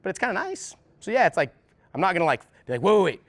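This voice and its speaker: A man with a slightly high voice rattles through a sales training at a rapid clip. He hammers points home by repeating them and acts out quick dialogues with customers. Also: wildly swooping pitch, a bit bright. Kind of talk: energetic training talk.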